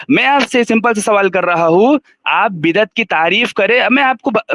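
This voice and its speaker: A man's voice: high voice, sharp tone, no echo. A man in a heated religious debate on a livestream, insistently demanding to be heard and pressing his point.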